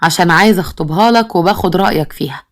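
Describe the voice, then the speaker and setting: Woman narrator reading a bossy Egyptian father, quick and scolding. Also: fairly low pitch, lightly acted. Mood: stern. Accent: Egyptian Arabic. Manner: commanding, scolding. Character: stern, bossy village father who favors his daughter-in-law.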